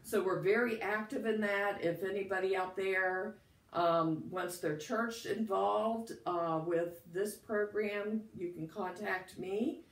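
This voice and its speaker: A woman with a croaky, froggy voice from a head cold, giving casual interview answers about her work. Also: mid-range voice, steady tone, takes it slowly. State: has a cold. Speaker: free clinic director, interviewee. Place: indoors at a clinic. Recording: echoey room, distant mic.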